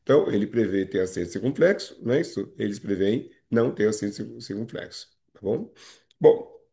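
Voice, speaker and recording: A Brazilian Portuguese-accented male teacher talks a class through a grammar lesson on video. His voice sits fairly low and sounds warm and mellow. He explains patiently, often stops to check the class is following, and restarts phrases with small fillers. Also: expressive, fairly quick, vocal fry. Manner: explains patiently with frequent "né?" and "não é isso?" checks.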